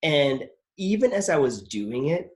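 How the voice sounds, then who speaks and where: His voice sits a little high and a touch mellow, swinging widely in pitch at an unhurried pace. An actor who hosts a relaxed interview podcast, he wanders through anecdotes from his acting career, full of "like" and false starts.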